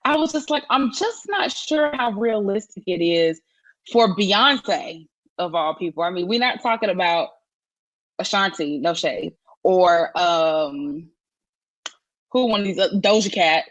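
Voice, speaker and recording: A woman's voice: on the low side, animated, unhurried, dry recording. Woman co-host, casual chat, emphatic and opinionated, dry lo-fi sound. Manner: opinionated, emphatic, with frequent restarts. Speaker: podcast co-host.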